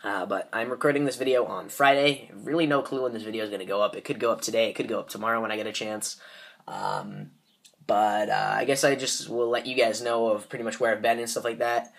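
This teen boy hosts a gaming channel and rambles through a pack opening despite being sick with a stuffy nose and sore throat, using lots of fillers. His fairly low, gravelly voice is fast, lively in intonation and fairly bright.

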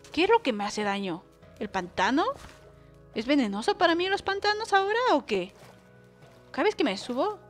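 Woman gaming host, higher pitch, excitable let's-play chatter with yelps, soft music bed. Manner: excitable, bursts into shrieks and squeals; chatty, talks to viewers as she plays. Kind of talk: let's-play gameplay commentary.

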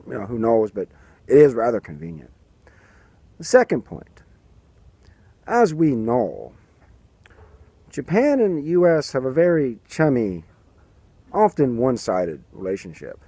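A man in his thirties films himself with a handheld camera at arm's length by a garden and building, delivering mocking, sarcastic political commentary and using goofy voices for quotes. His voice is medium-pitched and darkish, with no room sound.

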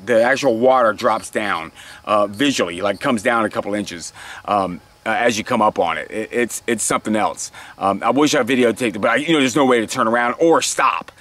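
A man in his forties talking casually to his camera outdoors on a beach by open water, telling his day in a halting, rambling way with many restarts. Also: medium pitch, fairly bright tone. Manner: rambling, halting, with frequent restarts and small laughs. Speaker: kayak travel vlogger. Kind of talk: casual outdoor video diary. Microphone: handheld camera or lapel, close framing.

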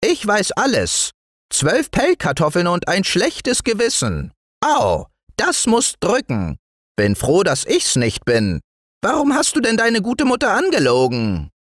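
A man voicing a small gray male forest dwarf in a bedtime storybook, with a thin, high voice and a scolding manner. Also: a little slow, no echo, clean studio sound, exaggerated voice. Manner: scolding, lively. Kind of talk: storybook reading.

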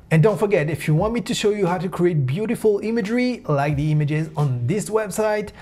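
A man narrating a casual design tutorial in a chatty, upbeat manner. His speaking voice sits fairly high for a man. He talks directly to the viewer throughout. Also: a little mellow. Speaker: host of a design tutorial channel.

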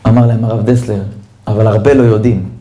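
A man, a rabbi, giving a storytelling sermon in an animated way and speaking straight to his listeners. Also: lowish voice. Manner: animated storyteller who addresses listeners directly. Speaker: rabbi giving a Torah lesson.

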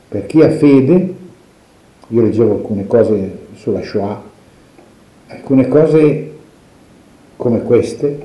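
A man reading the Gospel and preaching a homily in a measured, reflective way, pausing and restarting as he thinks. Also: medium pitch, warm tone. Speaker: priest. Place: church. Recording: echoey, dull church recording.

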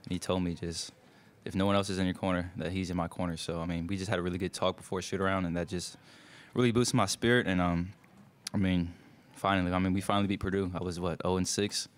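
Seated at a table mic in a press room with a sponsor backdrop behind him, a young man who plays college basketball answers postgame questions. His voice is low-pitched and level, coming out in quick, loose bursts full of filler words.

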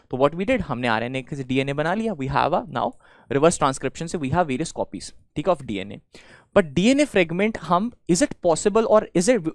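Young north indian guy teaching a class in hinglish, really fast, dry close sound, asks and answers his own questions. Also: fairly high pitch, dry recording. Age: young adult. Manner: brisk explaining with rhetorical questions and frequent check-ins. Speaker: teacher at an exam coaching institute. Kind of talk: classroom lecture mixing Hindi and English. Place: indoor studio in front of a presentation board.

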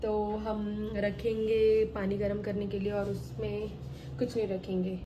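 A young woman, a cooking vlogger, chats casually in her home kitchen, rambling and correcting herself as she goes. Her voice is medium in pitch, monotone and a little slow, with heavy background noise.

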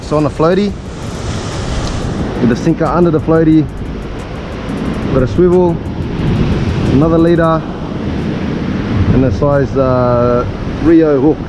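A man's voice: a little high, measured pace, pauses often. A man in his thirties with an Australian accent, chatting casually to an action camera while fishing from coastal rocks. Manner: laid-back, says "bro" and "man". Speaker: fishing vlogger. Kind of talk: casual outdoor commentary. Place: coastal rock ledge outdoors by crashing surf. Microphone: action camera, head or chest mounted. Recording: outdoor camera audio with loud wind and surf. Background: waves and wind.

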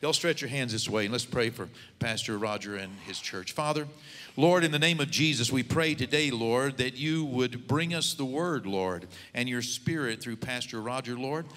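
A man's voice: medium pitch, normal speed, fairly bright tone, long reverb tail. A man, the host pastor, introducing a guest and praying fervently, repeating Lord and God. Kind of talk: introduction and prayer.

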